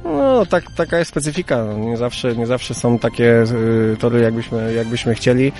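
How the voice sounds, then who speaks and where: A man's voice: medium pitch, expressive, normal speed, darkish tone, soft background music. A male team coach giving a post-event interview, hesitant and repeating words as he searches for them.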